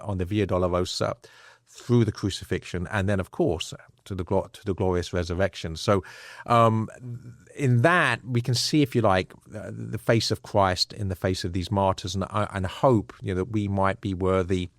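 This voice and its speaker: A man's voice: lowish voice, no room sound, studio quality. A man being interviewed as an author and scholar, telling stories earnestly and conversationally with many restarts. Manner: frequent fillers and restarts, earnest.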